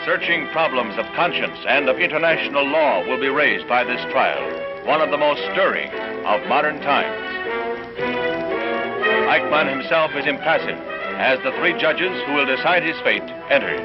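A man's voice: mid-range voice, lively intonation, normal speed. A man narrating an old newsreel in a dramatic announcer delivery, played from archive footage. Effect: old newsreel audio. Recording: lo-fi archive audio with music.

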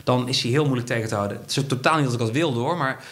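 A man, an entrepreneur being interviewed, who talks quickly in halting phrases full of fillers and restarts. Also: mid-range voice, a bit bright. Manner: fast, halting speech with many fillers and restarts. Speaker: entrepreneur guest. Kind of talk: conversational interview.

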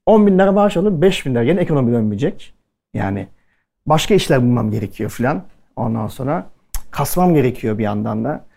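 A man's voice: medium pitch, big pitch swings, fairly quick, vocal fry, dark tone. A man speaking at a culinary event, telling stories casually to the audience and acting out the lines of the people in them. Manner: chatty anecdotal delivery, acting out quoted dialogue. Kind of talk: casual storytelling talk to an audience.

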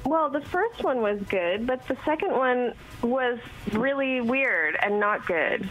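A woman's voice: on the high side, animated, slow, a bit bright, faint music behind. A woman on a phone call to a radio show, chatting candidly and telling her story. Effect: heard over the phone. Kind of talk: casual chat. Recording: muffled phone line with faint hiss.

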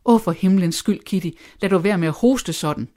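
A reader voicing a nervous, excitable middle-aged mother of five daughters in an audiobook, gushing and indignant by turns. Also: mid-range voice, natural voice. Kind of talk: audiobook character voice.

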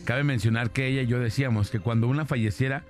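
A man's voice: mid-range voice, fairly even intonation, fast. A male radio host reading out listener messages about paranormal experiences and chatting with his co-host. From Mexico. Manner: reads listener messages aloud. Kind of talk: casual radio banter.

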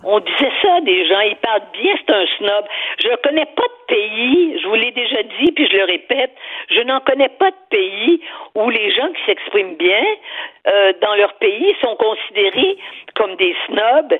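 A woman's voice: on the high side, animated, measured pace, slightly rough. Woman, emphatic, over a phone line. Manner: emphatic, repeats words while searching. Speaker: guest commentator. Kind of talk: opinionated radio chat.

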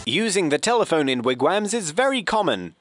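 A man hosting a scripted comedy radio show in a deadpan, mock-formal announcer manner. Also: a little high, brisk, over loud music. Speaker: host.

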